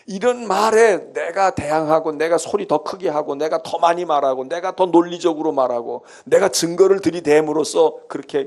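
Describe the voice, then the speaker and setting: A man's voice: on the high side, darkish tone. A male senior pastor giving a sermon-style Bible lecture in a church, conversational and emphatic, repeating his key phrases.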